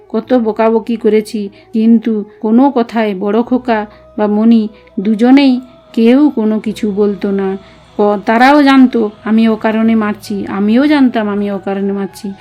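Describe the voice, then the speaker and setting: A tender, wistful old guru speaks in a gentle, confiding way, voiced by a woman reading his words aloud. The voice sits fairly high yet sounds mellow and warm, with soft music faintly underneath. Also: dull audio, natural voice.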